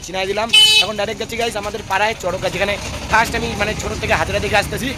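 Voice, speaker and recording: Hoarse young man vlogging fast. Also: high-pitched, heavy background noise. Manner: fast, excited, calls out often to friends and viewers. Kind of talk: casual vlog chat. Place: outdoors in a crowded market fair.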